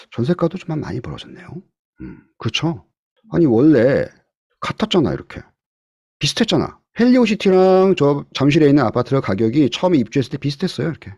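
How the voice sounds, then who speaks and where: A man teaching a real estate class over a video call, his pitch leaping up and down as he fires questions at his students. His delivery swings between loud, pressing stretches and soft asides. The sound is dry and close, with no room around it. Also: slightly rough, no room sound, lo-fi sound. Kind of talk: online lecture to students. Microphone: computer mic on a video call.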